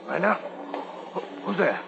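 An actor playing a sly, menacing male killer who speaks in a hushed, sneering way. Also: high-pitched, big pitch swings, normal speed, creaky, exaggerated voice. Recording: dull old radio recording with music.

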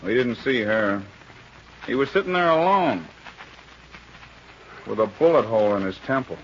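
An actor as a blunt 1930s beat cop, dull recording. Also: male voice, mid-range voice, expressive, normal speed, lightly acted. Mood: curt, official. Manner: clipped, blunt, tough interrogating. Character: hard-boiled small-town police detective, brusque and suspicious. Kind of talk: old radio crime drama acting, like a 1930s beat cop. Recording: dull, noisy old radio recording.

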